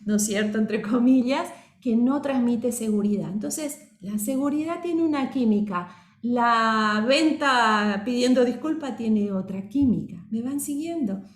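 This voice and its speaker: A woman's voice: fairly high pitch, unhurried. Woman teaching in a roomy space. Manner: keeps checking in with the audience; explanatory, acts out example voices. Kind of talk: course lecture. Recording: roomy reverberant sound.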